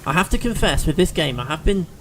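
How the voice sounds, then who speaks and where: A man's voice: on the high side, lively intonation, fast, noisy background. A man chatting through a video game as he plays, thinking aloud with fillers and restarts. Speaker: let's play host. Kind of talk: gameplay commentary.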